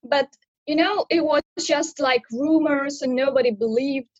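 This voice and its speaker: High-voiced hesitant woman in her thirties from Kazakhstan. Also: a little slow, dry recording, highs cut off. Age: 30s. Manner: hesitant, searching for words, laughs often. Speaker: interview guest. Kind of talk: casual interview.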